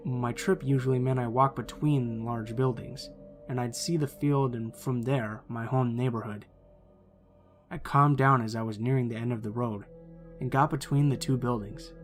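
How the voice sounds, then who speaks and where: A man reading a true scary story aloud as the channel's narrator, in a steady, measured storytelling delivery. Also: medium pitch.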